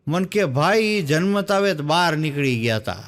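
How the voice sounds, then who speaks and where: A male stand-up comedian tells Gujarati folk jokes as stories, acting out the dialogue in them. His voice is fairly high and animated, at a moderate pace, with background noise in the recording.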